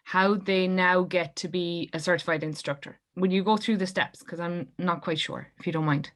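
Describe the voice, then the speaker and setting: A woman with an Irish accent and a fairly low voice speaks on a video call. She asks her questions politely and a little apologetically, with some hesitation. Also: steady tone, moderate pace. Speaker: instructor on the call. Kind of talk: asking questions in an online meeting.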